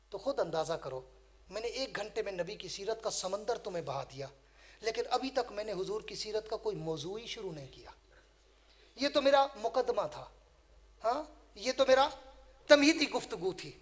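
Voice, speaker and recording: A man preaching at a public religious gathering, his voice very high and ringing. He speaks in a rolling, repetitive rhythm, chanting verses and throwing rhetorical questions at the crowd. His tone is bright and forceful. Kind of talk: sermon.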